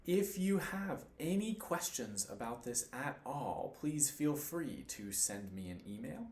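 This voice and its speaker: A man's voice: mid-range voice, big pitch swings, a little slow, darkish tone. A man teaching cello in a patient, encouraging way, counting beats aloud as he demonstrates. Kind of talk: instructional demonstration. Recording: roomy room with faint noise.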